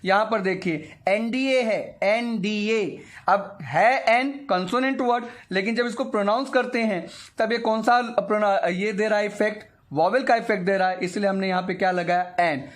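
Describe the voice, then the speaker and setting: A man's voice: high voice, normal speed. A young male teacher patiently explaining a grammar lesson, repeating words aloud to model their sounds and mixing English phrases into his explanation.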